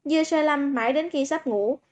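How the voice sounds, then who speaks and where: A woman narrating a story audiobook in a steady, even reading voice. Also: sits high, normal speed. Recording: dull lo-fi recording.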